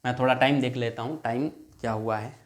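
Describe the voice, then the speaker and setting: A man teaching a Hindi grammar lesson for exam prep, explaining patiently, repeating words slowly and asking his students questions. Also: mid-range voice, steady tone. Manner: dictates rules word by word.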